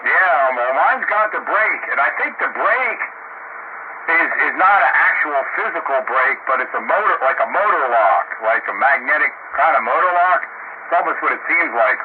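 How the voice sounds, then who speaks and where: Over narrow, static-laced ham radio audio, a middle-aged or older American man talks shop in a folksy, colloquial way. His voice sits on the high side, animated and at a moderate pace, as he chats casually as an amateur radio operator.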